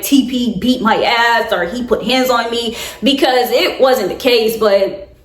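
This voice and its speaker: A young woman in her twenties telling an emotional storytime to viewers, rambling with nervous laughs and calling them y'all. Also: fairly high pitch. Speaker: vlogger. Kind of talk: casual storytime. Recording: roomy echo.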